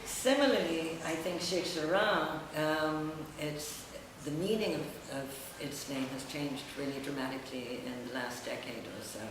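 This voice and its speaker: Speaking in a low-pitched voice, a middle-aged woman who writes and edits offers her own essay at a public event, pausing at length in a halting, reflective, semi-improvised way. The room is indoor and echoey, and the recording sounds distant, very reverberant and noisy.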